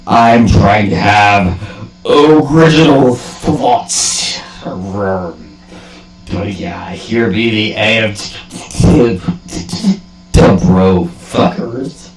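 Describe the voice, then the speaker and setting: This comedic monologue host has a fairly low voice and talks extremely slowly, swaggering through a mock-philosophical rant. His profane bro slang gets hammy, theatrical stress, and the recording has a roomy echo with music behind him.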